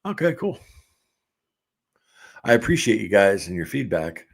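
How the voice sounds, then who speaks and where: A middle-aged man hosting a casual livestream, reading viewer comments aloud and chatting in a relaxed way with frequent laughs. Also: lowish voice, measured pace, vocal fry, slightly rough.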